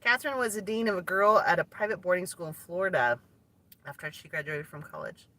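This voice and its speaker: A woman's voice: lowish voice, fairly quick, bright, forceful tone. A woman co-hosting a live stream from a truck, reading out viewer comments and greeting viewers in an upbeat way. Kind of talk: casual live-stream chat. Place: inside a truck.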